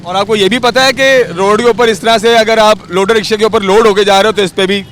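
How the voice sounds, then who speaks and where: A man's voice: high voice, steady tone, a little fast, a bit bright. A man with a Pakistani Urdu accent reporting from a city roadside, firing pressing questions at people. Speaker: street reporter. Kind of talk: on-the-street news report. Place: roadside outdoors in city traffic. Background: traffic.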